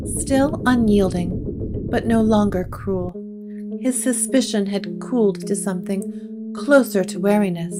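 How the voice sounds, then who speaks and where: A woman with a medium-pitched voice narrates a scripted gothic story, using deliberate, dramatic pauses. Plucked guitar music plays behind her.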